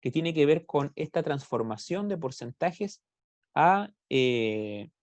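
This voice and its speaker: A man's voice: on the high side, expressive, takes it slowly, no room sound. A man with a Chilean Spanish accent teaching a math class on a video call, explaining step by step and asking students questions. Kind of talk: online class lecture.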